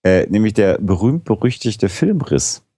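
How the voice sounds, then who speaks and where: Very deep-voiced man, dry and precise. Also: big pitch swings, unhurried, warm tone, husky, no room sound. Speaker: co-host. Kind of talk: casual podcast discussion.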